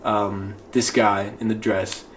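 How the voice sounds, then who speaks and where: A man's voice: on the low side, little pitch movement, slow, a bit bright. A young man on a casual podcast, telling stories in a laid-back, slangy way. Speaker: podcast co-host. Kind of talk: casual chat. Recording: roomy room with faint background noise.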